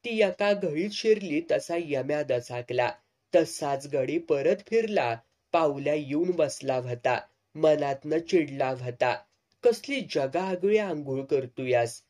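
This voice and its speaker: A man's voice: fairly high pitch, takes it slowly, darkish tone. A man narrating a serialized village novel aloud, telling the story vividly in earthy country idiom.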